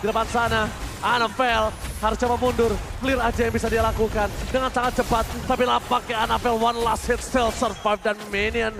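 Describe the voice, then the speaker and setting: A man with an Indonesian accent calling a live esports match like a hyped fighting game announcer, dramatically shouting out the kills. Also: very high-pitched, flat delivery, fairly quick. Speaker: esports play-by-play caster. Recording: loud music behind the voice. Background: music.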